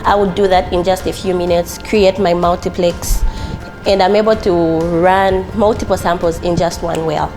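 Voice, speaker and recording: A woman, a laboratory technologist, explaining her work in a measured testimonial. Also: on the low side, steady tone. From Zambia. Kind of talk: interview testimonial. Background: background music.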